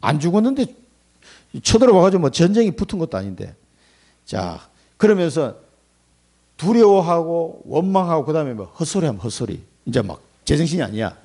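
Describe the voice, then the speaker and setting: In a church sanctuary, a pastor preaches a Sunday sermon in a conversational, unscripted way, at a fairly quick pace. His slightly high voice swings widely in pitch. He's animated and colloquial, acting out quoted voices and chuckling between points.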